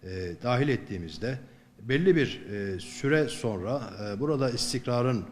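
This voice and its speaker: A middle-aged Turkish military commander, a man giving a formal official statement in measured phrases, pausing often between them. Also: medium pitch, expressive.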